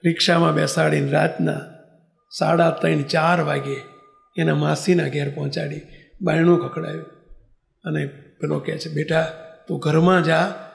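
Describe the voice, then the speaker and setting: High, gravelly-voiced preacher telling a story. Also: male voice, moderate pace, long pauses. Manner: animated, vivid storyteller. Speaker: spiritual leader. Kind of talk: devotional storytelling sermon. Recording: echoey hall.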